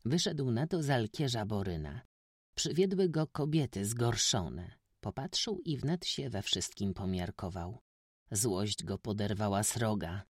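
A man reading a classic novel aloud as an audiobook narrator, in a steady, measured storytelling manner. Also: on the low side, no echo, clean studio sound.

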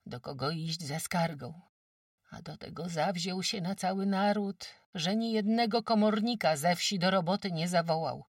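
A woman's voice: lowish voice, moderate pace, husky, no echo, clean studio sound, distant mic, voice pushed up. A woman voicing a careworn peasant farm wife who talks emphatically in rustic speech, lamenting her troubles. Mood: telling woes. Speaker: farm housewife.

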